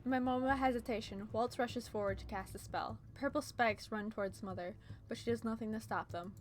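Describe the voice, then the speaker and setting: A woman's voice: on the high side, a little fast. A woman reading a visual novel as its narrator, mixing dramatic storytelling with casual commentary.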